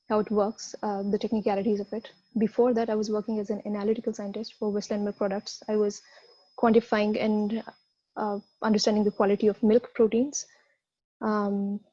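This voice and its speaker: A woman scientist from India speaking on an online panel over a video call, halting with many "uh" fillers. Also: medium pitch, warm tone, dry recording, highs cut off.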